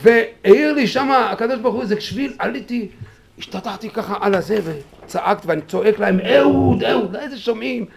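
A man speaking at a memorial gathering, telling a personal story in an animated way and acting out quotes with sudden shouts, then urging his listeners on fervently. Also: high-pitched, creaky. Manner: animated, acts out quotes with sudden shouts, many fillers and restarts. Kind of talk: personal storytelling eulogy, turning into fervent exhortation.

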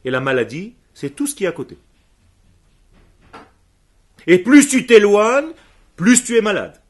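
A religious teacher who grew up speaking Hebrew runs his class emphatically, throwing questions to the room and answering students quickly. His voice is high-pitched and slightly rough, with big swings in pitch.

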